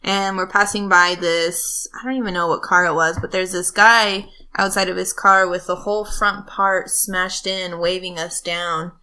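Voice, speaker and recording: A woman's voice: lowish voice, fairly even intonation, moderate pace, few pauses, sharp tone. A woman guest on a podcast, casually telling a rambling story with lots of ums. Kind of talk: casual chat.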